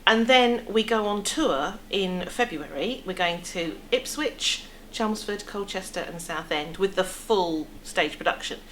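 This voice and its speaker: Sitting in a theatre foyer café indoors, an English-accented theatre producer in middle age chats through explanations during a relaxed interview. She talks a little slowly with hardly any pauses, in a medium, fairly bright voice, with room noise clearly heard behind her.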